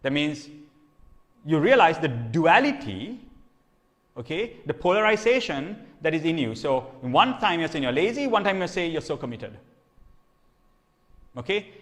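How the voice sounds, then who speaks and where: A man with a fairly high, somewhat bright, sing-song voice preaches at a moderate pace, pausing often. He teaches his sermon conversationally, regularly asking "okay?" and repeating or restarting phrases, in a hall with long reverb.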